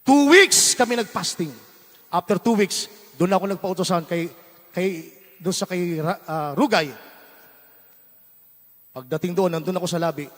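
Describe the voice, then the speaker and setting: High-voiced Filipino preacher in a reverberant hall. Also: male voice, fairly even intonation, normal speed, pauses often. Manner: builds from quiet storytelling to shouted praise. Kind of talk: sermon testimony. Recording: long hall reverb with faint music.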